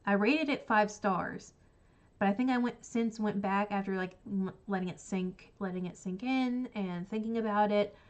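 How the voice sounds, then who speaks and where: A book channel host, congested and sniffly from a cold, chats about books on a livestream in a rambling, chatty way full of likes and ums. Her voice is medium in pitch and her speed normal.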